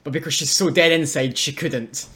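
A man co-hosting a podcast, talking in a relaxed, chatty and amused way. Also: fairly high pitch, normal speed. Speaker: podcast co-host. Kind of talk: casual podcast chat.

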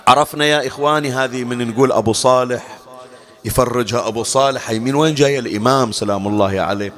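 A man giving a religious sermon in a majlis, telling a story and voicing its people, rising to high pleading calls and dropping low and soft. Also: fast talker. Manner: rises to high pleading calls when quoting invocations, then drops low and soft. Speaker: preacher. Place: majlis gathering hall.

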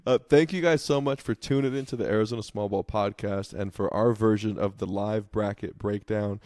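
A man with a fairly low voice co-hosts a sports podcast, breaking down matchups in an easygoing, chatty way with plenty of fillers. The sound is dry and close, with no room echo. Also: brisk, a little mellow. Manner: laid-back, filler-heavy analysis. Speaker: podcast co-host. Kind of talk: casual sports podcast chat.

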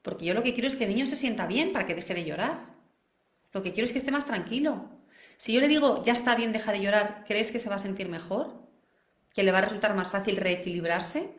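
A woman's voice: medium pitch, animated, brisk. Woman teaching parents in an echoey room. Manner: practical, posing questions to the audience. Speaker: parenting educator. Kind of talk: live online class.

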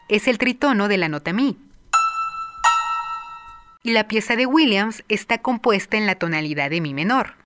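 A woman presenting a music appreciation lesson, explaining film music clearly and addressing her viewers directly. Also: mid-range voice, fairly bright tone. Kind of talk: scripted educational narration.

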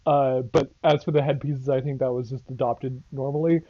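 A man's voice: medium pitch, steady tone, normal speed. A man co-hosting a casual podcast, asking questions and sounding mildly exasperated. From United States. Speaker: podcast co-host. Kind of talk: casual chat. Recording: dull, muffled sound.

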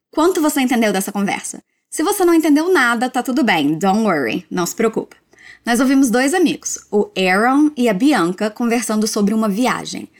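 A woman teaching English in a language lesson, modelling phrases slowly and drawing them out for learners to repeat. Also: fairly high pitch. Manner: slow, drawn-out model phrases for repetition.

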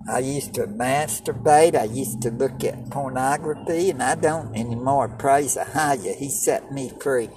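Slow, distant doomsday street preacher, man. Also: medium pitch. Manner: exhorting, plain-spoken and folksy, urging repentance. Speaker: lay street-style preacher. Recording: distant mic with noticeable background noise.

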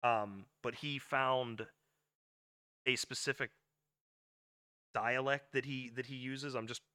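Male co-host, very bright tone, dry close mic, stop-start explainer. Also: mid-range voice, fairly even intonation, clean tone, no echo. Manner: halting, many restarts and fillers while explaining. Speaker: podcast co-host. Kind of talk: casual pop-culture chat.

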